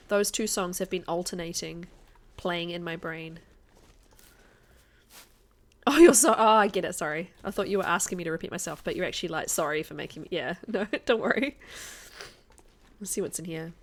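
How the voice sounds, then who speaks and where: Streaming a game live, a woman with a mild New Zealand accent keeps up casual, jokey chat over the gameplay. She speaks at normal speed in a fairly low voice.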